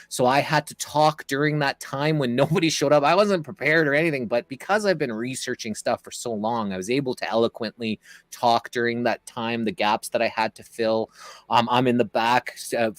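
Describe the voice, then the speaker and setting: A man's voice: medium pitch, no room sound. A man telling a long story as an interview guest, casual and rambling, with many fillers and restarts.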